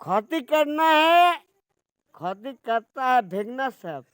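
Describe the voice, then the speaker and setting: Very slow-talking woman. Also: high voice, very animated, clear, resonant tone, no room sound. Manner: rambling, drifts into half-sung lines; dramatic, repeated pleading. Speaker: comic performer. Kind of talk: rambling comic monologue.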